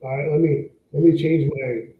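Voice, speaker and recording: A man's voice: on the high side, steady tone, moderate pace. A man joining a casual chat by video call from a condo, his voice hollow and tubey as if he were talking through a tube. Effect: hollow, tubey sound, as if talking through a tube. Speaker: remote guest. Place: condo room. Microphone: laptop camera mic on a video call. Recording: echoey, dull video call audio.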